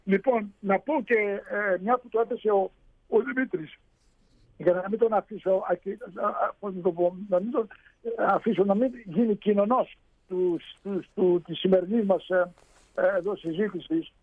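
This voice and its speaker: A man's voice: sits high, steady tone, no echo, narrow, tinny audio. A man explaining Greek pronunciation on a radio show, hesitant, with many fillers and restarts. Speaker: radio show guest speaker on Greek language.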